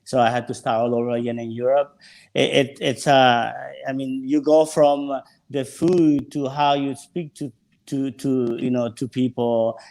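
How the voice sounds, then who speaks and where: Gravelly man. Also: medium pitch, measured pace. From El Salvador. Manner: relaxed, searching for words. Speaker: sommelier and winemaker guest. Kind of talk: casual interview chat.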